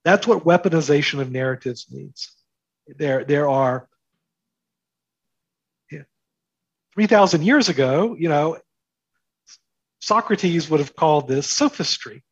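His voice is fairly high, husky, with lively intonation. An interview guest who writes and comments, he lays out his ideas forcefully and repeats key phrases to drive them home. No echo, and the high frequencies are missing.

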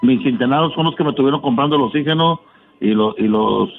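A man's voice: mid-range voice, fast talker, gravelly, faint music behind. A middle-aged man speaks over a narrow, tinny phone line as a radio caller. He tells his story casually and earnestly, doubling back and repeating words as he goes. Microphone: telephone.

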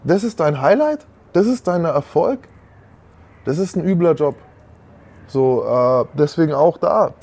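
A man speaking as a guest in a relaxed interview, earnest and reflective. He leans hard on key points to stress them. His voice sits somewhat high for a man. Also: measured pace, gravelly. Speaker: guest, former convict. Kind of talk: casual interview conversation.

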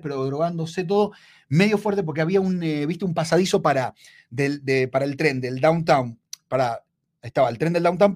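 A man's voice: fairly high pitch, darkish tone. A man co-hosting a casual podcast chat, repeating himself and calling his friend "amigo". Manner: chatty, repeats himself, says "amigo" often. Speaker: podcast co-host.

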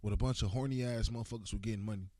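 Blunt, insistent man, slightly low voice. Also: steady tone, very fast, darkish tone, dry recording. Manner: blunt, profane, slangy, calls the listener "bro"; insistent, repeats phrases for emphasis. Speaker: podcast co-host. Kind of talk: casual heated podcast debate.

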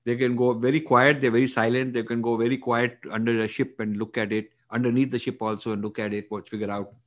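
A man's voice: mid-range voice, level tone, fast. A middle-aged man from India, an author answering interview questions earnestly and emphatically, with frequent fillers and restarts.

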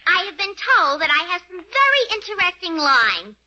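A woman's voice: extremely high pitch, very animated, moderate pace, pushed and bright, full character voice. An actress playing a brash, touchy, man-hungry young woman in a 1940s radio comedy, with an affected manner. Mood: affected, eager. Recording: muffled old radio broadcast, faint noise.

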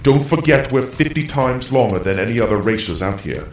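A man's voice: medium pitch, lively intonation, a little fast, roomy sound, lightly acted. A man voicing a nerdy male robot co-pilot who lectures and recites facts. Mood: instructive. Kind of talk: storybook voice acting.

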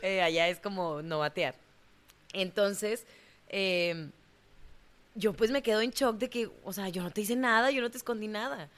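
A young woman from Monterrey, Mexico with a northern Mexican accent, a dancer telling a story in an interview in a lively, colloquial way that acts out the dialogue. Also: mid-range voice, a little slow. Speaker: dancer in a ballet company.

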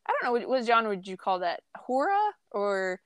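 A woman co-hosting a casual book chat podcast, chatty and excitable, often trailing off mid-sentence. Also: mid-range voice, normal speed, no echo. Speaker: podcast co-host.

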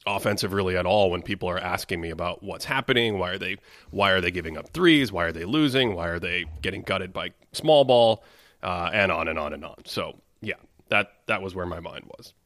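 A man hosting a sports podcast, talking in a thoughtful, measured way with some fillers. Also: sits low, a bit bright, dry recording, clean studio sound. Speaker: podcast host. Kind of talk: casual chat.

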